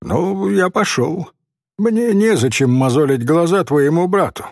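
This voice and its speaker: A man's voice: a little high, animated, measured pace, creaky, darkish tone, dry recording, studio quality, voice pushed up, heavily acted. A man doing a pompous little boy messenger. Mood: self-important. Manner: pompous, sententious. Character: small self-important boy messenger, stern and wry.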